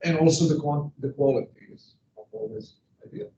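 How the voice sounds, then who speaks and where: A man from Serbia, his voice a little high, very animated and fairly quick, gives an emphatic economics lecture peppered with rhetorical questions to the class. Background noise accompanies a distant, echoey, dull classroom recording.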